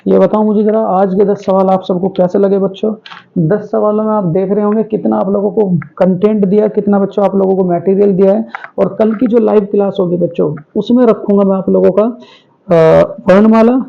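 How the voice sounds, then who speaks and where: A man's voice: sits high, level tone, brisk, vocal fry. A male teacher giving an online exam-prep class, who asks students questions and repeats each answer. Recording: tinny phone-like audio.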